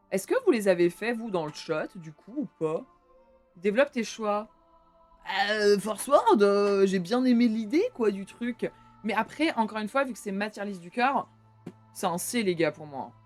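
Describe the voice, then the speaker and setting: Chatty young woman streamer. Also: medium pitch. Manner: chatty, swears casually, talks to chat. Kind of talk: casual live-stream chat.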